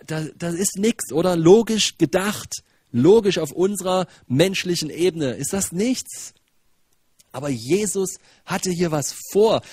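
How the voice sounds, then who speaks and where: A man preaching in a relaxed, conversational way, piling up rhetorical questions and colloquial asides. His fairly high voice has a husky grain, and it is recorded close and dry. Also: no echo. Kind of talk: conversational sermon.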